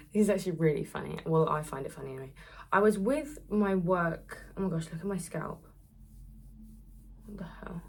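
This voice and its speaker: A woman's voice: low-pitched, creaky. A nineteen-year-old woman rambling through a casual storytime while doing her beauty routine, with lots of "like.". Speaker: influencer.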